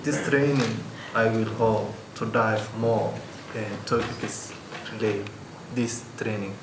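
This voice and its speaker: Slow, halting man. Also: on the low side. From Somalia. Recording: echoey hall, distant mic, background noise.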